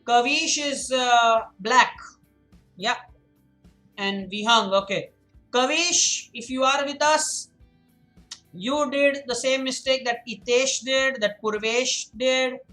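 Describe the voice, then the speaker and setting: With soft music underneath and low recording quality, a man gives a live-streamed chess lesson in a very high-pitched, pushed, bright voice at a slow pace. He explains the moves, names students as he corrects them, repeats his points to make them stick, and reads the chat aloud before replying.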